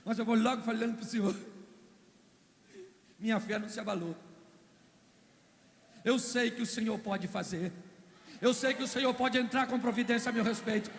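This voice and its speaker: A Brazilian preacher speaking as Martha, a distressed but faithful woman pleading in plain, earnest words. The voice is high and gravelly. It echoes through a large hall. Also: fairly even intonation, moderate pace, pauses often. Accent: Brazilian Portuguese. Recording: echoey hall, long reverb.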